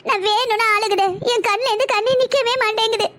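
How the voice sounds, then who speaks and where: A woman's voice: very high-pitched, fairly even intonation, fast. A woman voicing a distraught middle-aged mother in a cartoon, talking in a tearful, pleading way. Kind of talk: cartoon voice acting.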